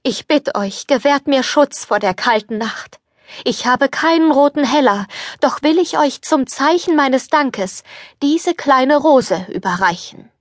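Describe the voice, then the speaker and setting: A woman's voice: high-pitched, animated, a little slow, dry recording, clean studio sound, pitched above the performer's own voice. A woman reading an audiobook, voicing an old beggar woman who turns into a stern fairy, speaking solemnly. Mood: pleading.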